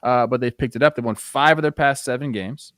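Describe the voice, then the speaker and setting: Man, sports co-host, medium pitch, casual conversational analysis, informal, dry recording. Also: fairly quick, fairly bright tone, no echo. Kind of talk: casual baseball discussion.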